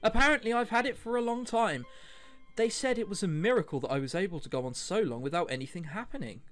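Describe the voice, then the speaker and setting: With background music playing, a let's play host reads a visual novel aloud, slipping in wry, chatty asides and sometimes fumbling his words. His voice is a little high and fairly bright.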